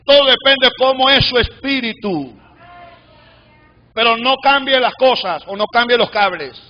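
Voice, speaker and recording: A man preaches with a very high, piercing voice, climbing into shouts and then dropping to near murmurs. The live church recording sounds dull and lo-fi. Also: unhurried. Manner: preaching with loud shouted peaks and sudden drops to a low murmur. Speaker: pastor. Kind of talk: fervent sermon. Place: church sanctuary.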